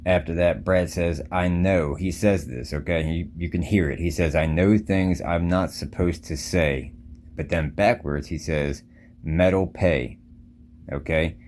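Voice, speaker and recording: A man's voice: rumbling low, darkish tone, slight background noise. A man hosting a show with casual, conspiratorial commentary, insistently repeating his points. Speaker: host of a crypto show.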